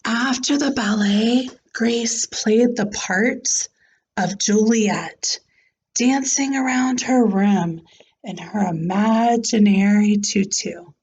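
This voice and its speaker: A woman reading a children's storybook aloud in a deliberate, expressive way, like a teacher with a class. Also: mid-range voice, breathy edge, highs cut off.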